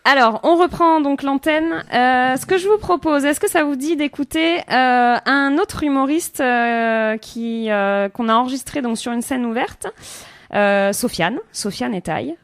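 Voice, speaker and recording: A woman's voice: high-pitched, a little slow, dry recording. A woman hosting a community radio show, chatting casually and hesitantly with frequent fillers. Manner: relaxed, hesitant with many fillers. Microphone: studio microphone.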